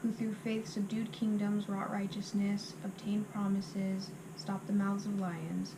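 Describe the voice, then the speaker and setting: Woman reciting scripture by rote, flat intonation. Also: mid-range voice. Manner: reciting by rote, halting with repeated phrase starts. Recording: clearly noisy amateur recording.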